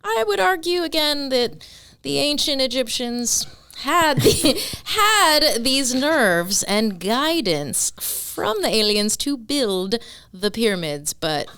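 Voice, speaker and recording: A woman's voice: high voice, sing-song, slow pace, fairly bright tone, clear, resonant tone. A young woman giving a playful mock lecture on a comedy podcast, often laughing through her lines. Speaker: guest presenter. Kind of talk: comedic podcast slideshow chat.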